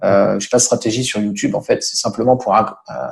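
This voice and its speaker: Low gravelly man chatting in an interview. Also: steady tone, fairly quick. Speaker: podcast guest, online business owner. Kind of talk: casual interview chat.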